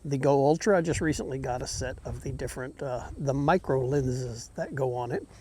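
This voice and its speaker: A man's voice: medium pitch, a little fast, a little mellow, slightly rough. A man vlogging by himself outdoors, talking casually into an action camera he holds, with rambling filler words and a bout of hiccups. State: has the hiccups. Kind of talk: casual solo vlog. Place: outdoors by a lake dam. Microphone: action camera held by the vlogger.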